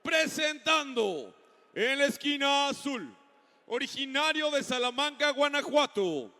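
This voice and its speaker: A man announcing fighters in Spanish in a booming, drawn-out, formal lucha libre ring announcer style. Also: lively intonation, sharp tone, in a large hall. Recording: faint noise, live arena announcement.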